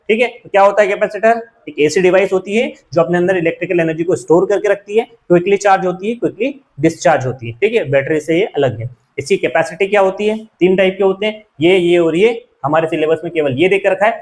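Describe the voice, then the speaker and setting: A man's voice: high voice, poor audio. A man teaching a physics class, lecturing in with terms and often checking that his students follow. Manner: repeats questions, keeps asking "clear?" to students.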